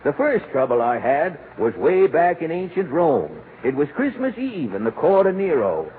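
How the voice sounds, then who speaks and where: Aggrieved old Santa, high-voiced, on crackly radio. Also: male voice, big pitch swings, normal speed. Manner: folksy ungrammatical speech, plaintive storytelling. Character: aggrieved old Santa Claus telling his woes. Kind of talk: 1940s radio comedy acting. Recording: noisy narrow-band 1940s radio recording.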